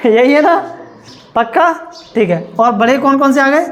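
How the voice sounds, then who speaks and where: A man's voice: very high-pitched, animated, moderate pace, a bit bright, low-quality recording. A male teacher giving a classroom lecture, sure of himself and emphatic, often checking in with his students. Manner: emphatic, keeps asking "ठीक है?" to check with students; self-assured, insists others taught it wrong.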